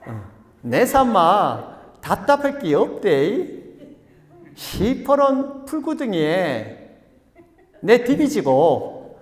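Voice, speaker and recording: A male pastor voicing a folksy psalm reciter in broad Gyeongsang Korean dialect, loud, slow and comic. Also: sits high, huge pitch swings, pitched above the performer's own voice, exaggerated voice. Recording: echoey church hall.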